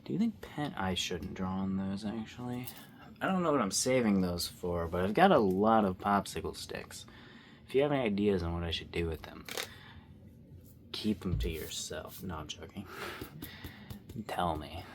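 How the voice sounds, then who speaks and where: A man's voice: deep voice, expressive, moderate pace, slight background noise. A young man giving casual, rambling commentary while he draws, joking and poking fun at himself. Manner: rambling, self-mocking and goofy. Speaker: art vlogger.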